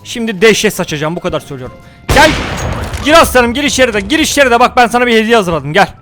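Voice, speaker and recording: A young man giving jokey, excitable commentary on his own gameplay, often shouting at other players during fights. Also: very high voice, very fast. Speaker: gaming YouTuber. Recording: game audio with music and gunfire behind. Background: music and gunfire.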